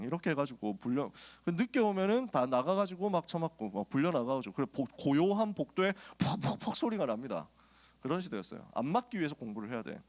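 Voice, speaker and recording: A male pastor preaching to a youth group, telling personal stories in a casual, joking way before urging his listeners on. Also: a little high. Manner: lively storytelling, casual and joking, then exhorting.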